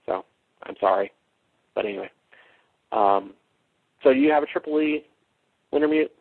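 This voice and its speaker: A man hosting a casual podcast, rambling and thinking aloud in a halting way, recorded on a cheap, lo-fi microphone. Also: on the low side, expressive, creaky. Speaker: podcast host. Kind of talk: casual unscripted podcast discussion.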